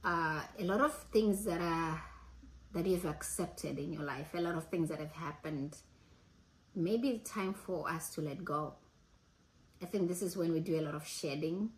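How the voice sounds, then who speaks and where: Earnest low-voiced woman in her forties. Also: noisy background. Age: 40s. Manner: earnest, thoughtful, with restarts and pauses. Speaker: host. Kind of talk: reflective casual talk.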